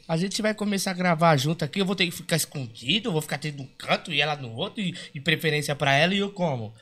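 A man's voice: fairly high pitch, fast. A man from Brazil telling a story in casual chat, acting out the quotes with swearing. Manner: animated, acts out quotes with swearing.

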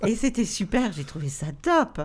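A woman, a medium who is a guest on a podcast, telling anecdotes in a lively way. She acts out the voices she quotes and drops into whispered asides. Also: mid-range voice, normal speed, husky. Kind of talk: anecdotal storytelling.

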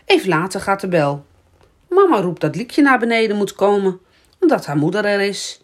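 A woman reading a children's book aloud, in a slow, lively storytelling voice. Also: medium pitch. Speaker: storybook reader.

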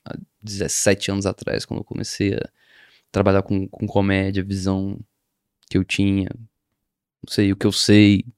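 Um homem com sotaque brasileiro, comediante, numa conversa descontraída, falando com muita gíria e palavrão. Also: male voice, sits low, moderate pace, long pauses, clear, resonant tone, no echo, studio quality. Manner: slangy, animated, swearing freely. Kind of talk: casual chat.

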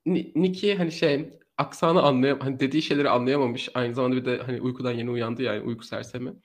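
Male podcast co-host, rapid animated true crime storyteller. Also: mid-range voice. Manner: animated storytelling, laughs often.

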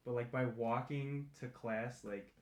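A young man co-hosting a podcast, rambling in casual chat and filling every pause with "like". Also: mid-range voice, steady tone. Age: young adult. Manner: rambling, says like a lot. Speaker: podcast co-host. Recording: echoey room.

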